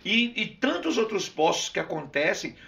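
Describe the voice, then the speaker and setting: A man hosting a casual interview, effusive and quick to jump in over his guest. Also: sits high, sing-song, gravelly, pushed and bright. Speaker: host.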